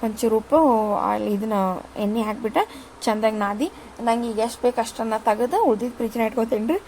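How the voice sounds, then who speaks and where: A woman's voice: fairly high pitch, fairly quick, darkish tone, slight background noise, low-quality recording. A woman, chatting casually to viewers as she cooks in her home kitchen. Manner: chatty, rambling, addresses viewers with "ri". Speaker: vlogger. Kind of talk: casual cooking narration.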